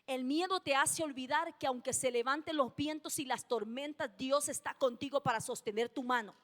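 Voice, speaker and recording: At a normal pace, a woman gives an emphatic sermon in a very high, fairly bright voice, driving home key phrases and questioning the congregation. The long reverb of a church hall trails behind her speech.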